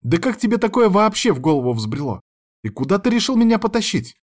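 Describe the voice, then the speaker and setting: A man voicing a dramatic, excitable teenage girl who is the narrator's younger sister. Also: mid-range voice, normal speed, voice pushed up, close to an everyday voice. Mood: indignant. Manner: exclaiming, protesting, dramatic.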